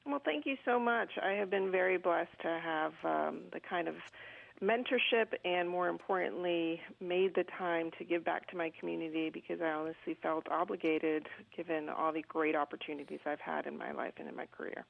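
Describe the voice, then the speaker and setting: A business guest from Colombia speaks earnestly and articulately in an interview, with frequent ums. Her voice is on the low side and creaky, at a moderate pace, and it comes through with a narrow, phone-like radio sound.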